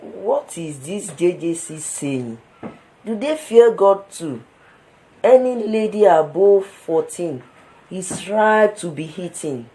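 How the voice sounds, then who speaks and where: A man's voice: high voice, expressive, slow, warm tone, low-quality recording. An actor with a Nigerian accent playing a cynical young man who talks street slang, sneering and scoffing. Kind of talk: film drama acting.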